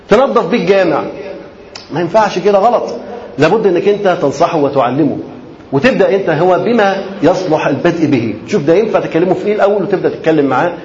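A man with an Egyptian accent delivers a sermon at a quick clip in a fairly high voice. He repeats short phrases for emphasis and slides between everyday and formal speech. The recording is echoey and a little muffled. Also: a little mellow. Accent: Egyptian Arabic. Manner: colloquial, repetitive and emphatic, mixing in formal Arabic. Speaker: preacher. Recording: muffled, roomy lecture recording.

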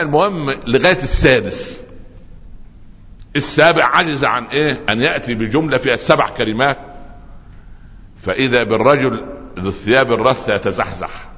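A man preaching a sermon, telling stories lively and joking with the audience. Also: mid-range voice. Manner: lively storytelling with humor and audience asides. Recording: dull lo-fi recording with long hall reverb.

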